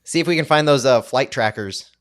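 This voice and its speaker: A man's voice: medium pitch, brisk, fairly bright tone, dry recording, studio quality. A man co-hosting a casual soccer live stream, talking in a rambling, hesitant way with many fillers. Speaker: podcast co-host.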